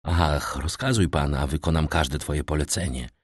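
A male reader plays an earnest young prisoner, eager to please and quick to swear his honesty. His tone stays low and sincere. The reading is close-miked and dry. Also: dry recording. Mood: pleading. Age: young adult.

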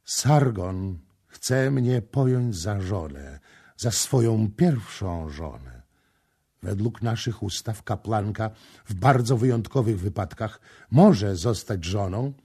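A man's voice: fairly low pitch, lively intonation, slow, mellow, breathy edge, pitched above the performer's own voice, full character voice. A man reading the part of a young priestess in an audiobook, tearful and pleading.

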